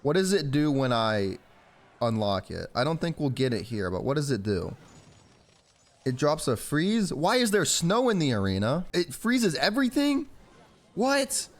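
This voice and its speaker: Young american guy from georgia, early 20s, casual slangy gamer chat, mid pitch, rambles while playing. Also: very animated, normal speed. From Georgia, southern United States. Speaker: gaming YouTuber. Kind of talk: casual gameplay commentary with personal chat.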